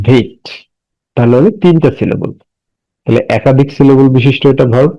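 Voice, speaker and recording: Male tutor, patient, question-and-answer delivery; gravelly voice on a muffled recording. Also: mid-range voice, warm tone. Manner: explains slowly, asks and answers his own questions. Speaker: English teacher. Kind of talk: classroom grammar lesson.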